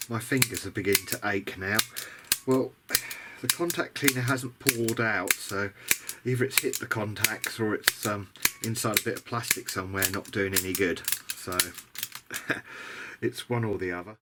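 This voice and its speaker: At a moderate pace and with fairly even intonation, a man whose voice is on the low side thinks aloud at his bench. The commentary is casual, unscripted and tentative, in the style of a hobbyist's video diary. Noticeable background noise accompanies it.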